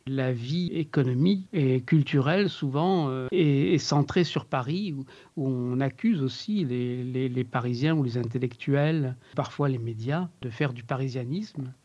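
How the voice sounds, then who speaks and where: A man working as an accent coach, explaining in an interview in a measured way with frequent hesitations. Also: mid-range voice, warm tone, muffled recording.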